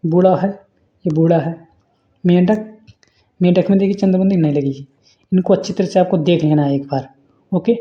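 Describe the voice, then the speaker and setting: A woman's voice: fairly low pitch, fairly even intonation, moderate pace, pauses often, dull audio. A woman teacher running a spelling lesson for exam students, drilling words in pairs and prompting constantly with "ok" and "see here.".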